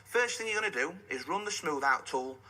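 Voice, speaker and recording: A man pitches a product in home shopping host style, with a very bright, forceful and husky voice. His intonation swings up and down as he walks viewers through each step and hammers home the selling points. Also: animated, fairly quick, low-quality recording. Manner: instructional, step-by-step, emphatic selling.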